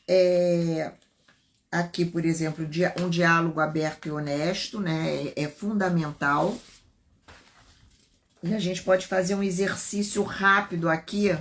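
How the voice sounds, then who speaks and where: A middle-aged woman with a Brazilian Portuguese accent, hosting a live talk and explaining as she goes, often repeating phrases and checking in with "né?". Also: lowish voice. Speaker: live stream host and self-development speaker. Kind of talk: unscripted live talk on relationships.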